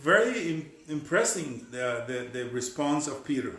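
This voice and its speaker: A sermon interpreter speaking in a halting way, often restarting and repeating words. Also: mid-range voice, big pitch swings, fairly bright tone. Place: church sanctuary. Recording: echoey church hall, distant mic.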